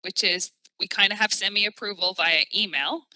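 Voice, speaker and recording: A woman's voice: medium pitch, normal speed, sharp tone, no echo. A woman on a commission, asking probing, pointed questions about procedure at a public meeting.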